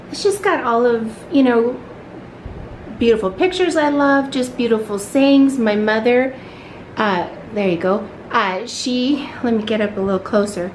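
A woman's voice: fairly high pitch, slight background noise, poor audio. A middle-aged woman chatting casually through a tour of her home office, filming on a handheld camera with lots of ums. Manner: chatty, filler-heavy, fond of her things. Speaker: home vlogger.

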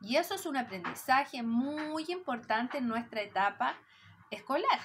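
A woman teaching preschoolers, patient and warm, stretching out syllables as she counts them. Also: high-pitched, expressive, measured pace, a little hiss or hum. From Chile. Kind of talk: slow lesson for young children.

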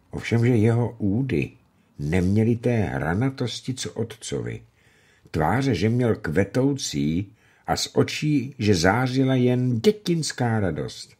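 Low-voiced man reading a classic novel. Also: darkish tone, breathy edge. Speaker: audiobook reader. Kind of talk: literary audiobook narration.

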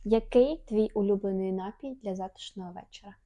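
A young woman co-hosting a casual chat, playful and quick with a laugh. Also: medium pitch, mellow. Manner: playful, laughs between lines. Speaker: podcast co-host asking questions.

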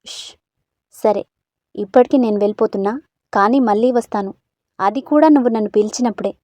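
A woman voicing a gentle, protective female ghost who talks softly and patiently in a storybook. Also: mid-range voice, brisk, dry recording, lightly acted. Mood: soft calm. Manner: soft, reassuring, patient.

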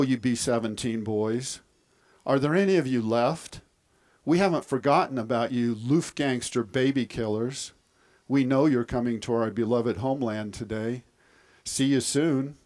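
A man's voice: mid-range voice, measured pace, darkish tone, lightly acted. A man voicing a mocking female enemy radio announcer, with a menacing tone. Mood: taunting.

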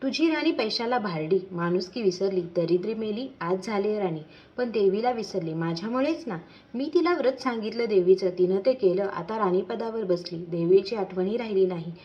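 A woman's voice: mid-range voice, lively intonation, moderate pace, dark tone, dull audio, natural voice. A woman voicing an angry old woman, a goddess disguised as a beggar, who scolds bitterly. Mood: bitter scolding.

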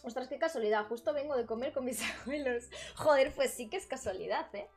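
A woman's voice: sits high, a little fast, faint music behind. Bubbly Spanish woman streamer, chatty. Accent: Spain Spanish. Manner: bubbly and chatty, laughs often, bursts into loud exclamations. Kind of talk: casual live-stream chat with viewers. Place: bedroom at her grandmother's home.

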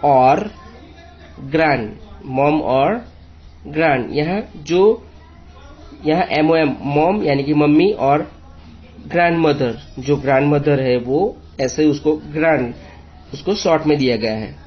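A man's voice: on the high side, unhurried, muffled recording. A man teaching a children's English lesson, patiently spelling words letter by letter.

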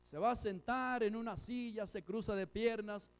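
A pastor from Mexico preaching a sermon, telling a story with emphatic swings between loud and soft. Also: male voice, high-pitched, steady tone, moderate pace, clear, resonant tone. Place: church hall.

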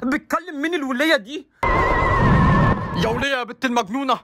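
An exasperated middle-aged Egyptian husband, as a man puts him on for a comedy sketch. He nags at a very rapid clip in a raised pitch. Loud noise fills the background. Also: lively intonation. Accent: Egyptian Arabic. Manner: exasperated, nagging.

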